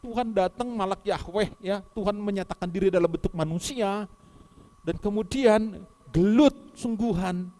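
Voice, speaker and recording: Man, high voice, emphatic sermon, soft asides and loud exhortation. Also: moderate pace. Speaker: pastor.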